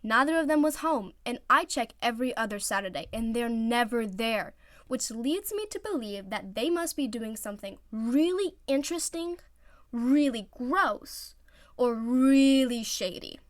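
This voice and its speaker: A woman voicing a nosy, scheming teenage boy setter who talks in a playful, drawn-out teasing way. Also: fairly high pitch, expressive, no room sound, clean studio sound.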